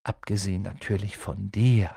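A man's voice: low voice, fairly even intonation, moderate pace, gravelly, dark tone, husky, no echo, studio quality, full character voice. A man voicing a clever, insistent schoolgirl in an audiobook, coaxing and pressing.

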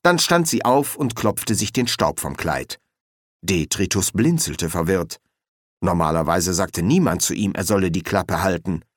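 Lively male audiobook narrator, bone-dry booth, animated delivery. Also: low voice, a little slow, no echo.

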